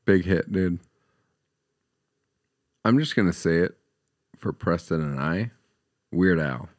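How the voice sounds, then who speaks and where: A man's voice: deep voice, expressive, slow pace, no echo, clean studio sound. A man guesting on a podcast, chatting in a laid-back, joking way. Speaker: guest barber. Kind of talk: casual chat.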